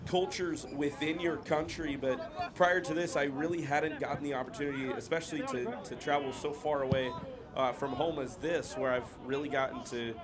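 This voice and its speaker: An American man with a mid-range voice gives live play-by-play football commentary in a steady tone at normal speed. He's outdoors at a football ground, and the recording carries loud crowd noise.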